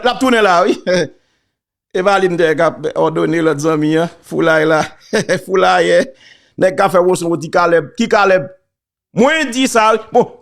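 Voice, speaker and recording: Emphatic high-voiced Haitian man. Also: a bit bright. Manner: preachy, emphatic, repeats key phrases. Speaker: commentator on church and politics. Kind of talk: casual spoken commentary.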